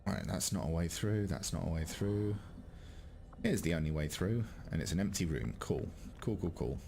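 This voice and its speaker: A man's voice: sits low, expressive, normal speed, gravelly, dark tone, a little hiss or hum. A man giving casual strategy game commentary, thinking aloud with dry asides as he plays. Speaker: gamer, video host.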